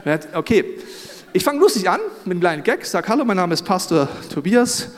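A man with a South German accent, preaching a humorous sermon with animated storytelling and jokes. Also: sits high, fairly quick. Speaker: pastor. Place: large hall with audience. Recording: live hall reverb.

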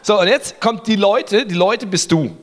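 High-voiced playful male preacher. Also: measured pace. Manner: playful, joking, directs audience participation. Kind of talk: lively interactive sermon with storytelling. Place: before a live congregation.

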